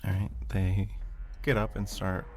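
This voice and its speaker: A man's voice: deep voice, level tone, unhurried, slight background noise. A man acting as game master, improvising narration for a tabletop game. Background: background music.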